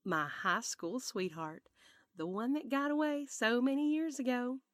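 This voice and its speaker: A woman voicing a spirited, sweet elderly grandmother with a Southern accent, speaking in a lively, drawn-out, sing-song way. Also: fairly high pitch, no room sound, studio quality, pitched above the performer's own voice, close to an everyday voice. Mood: cheerful. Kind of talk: audiobook character voice.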